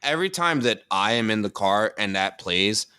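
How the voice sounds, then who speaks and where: Casual chat co-host, low bright voice, dry close sound, rambling with fillers. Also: male voice, animated, moderate pace, clean tone, no echo. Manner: rambling, thinks aloud with many fillers. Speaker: podcast co-host; dancer.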